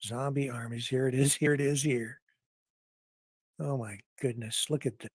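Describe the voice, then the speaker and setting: A man's voice: medium pitch, steady tone, moderate pace, slightly rough, no echo, studio quality. A man hosting a casual news livestream, rambling and chuckling while he searches for clips.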